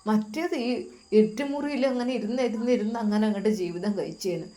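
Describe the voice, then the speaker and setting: A woman voicing a frail, tearful, pious elderly grandmother in a soft, half-whispered way. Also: mid-range voice, expressive, quick pace, natural voice. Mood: weary.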